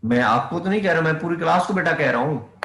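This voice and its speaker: Math lecturer, male, coaxing students to respond; slightly high voice, echoey room. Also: expressive, fast talker, fairly bright tone, slight background noise. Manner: addresses students as beta, checks if they hear. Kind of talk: online class lecture.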